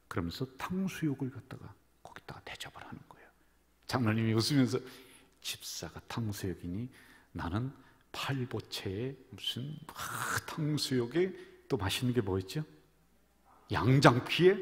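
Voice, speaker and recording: Korean pastor preaching in a reverberant hall. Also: male voice, mid-range voice. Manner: storytelling, swings from loud to whispered. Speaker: senior pastor. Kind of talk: sermon with jokes. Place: church sanctuary.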